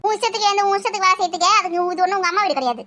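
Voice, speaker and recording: A woman playing a nagging, sharp-tongued mother-in-law in a village family skit, scolding and taunting with quick retorts. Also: very high-pitched.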